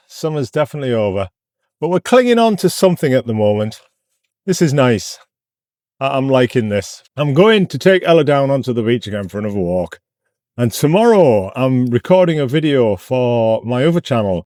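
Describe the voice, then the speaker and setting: British bloke doing a rambly car vlog, mouth still numb from dental anesthetic so talks a bit funny, dry close sound. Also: male voice, mid-range voice, a little mellow, dry recording. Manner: rambling, candid asides. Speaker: YouTube vlogger. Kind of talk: casual car chat to camera. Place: inside a car. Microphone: phone in windscreen holder.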